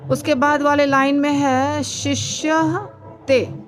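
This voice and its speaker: Slow, patient woman teaching recitation. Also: sits high, flat delivery, soft background music. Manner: breaks words into syllables and repeats them slowly; patient, with frequent fillers and self-corrections. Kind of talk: slow explanatory lesson.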